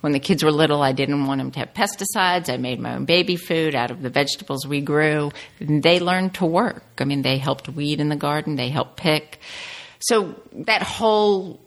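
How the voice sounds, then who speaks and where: A woman's voice: deep voice, normal speed. A middle-aged woman from rural Virginia chatting casually as an interview guest, telling personal stories in a rambling way that wanders into tangents. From rural Virginia, United States. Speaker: guest, home cook and cookbook author.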